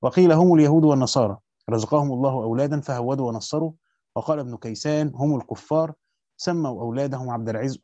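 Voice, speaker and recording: Speaking in a dark, mid-range voice, an Egyptian man reads a Quran commentary quickly in classical Arabic before dropping into colloquial Egyptian remarks, as a teacher would. There's no room sound, and the high frequencies are cut off.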